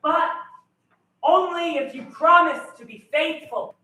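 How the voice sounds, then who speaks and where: A man's voice: very high-pitched, a little slow, pushed and bright, full character voice. A man voicing a powerful, demanding witch woman with a put-on accent and an imperious, cursing manner, heard live from a distance in an echoey room. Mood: haughty.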